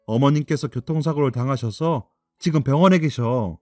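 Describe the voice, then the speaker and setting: A man voicing a calm, concerned schoolteacher who breaks bad news gently in a radio drama. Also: mid-range voice, moderate pace, no room sound, studio quality, soft background music, natural voice. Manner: careful, soothing.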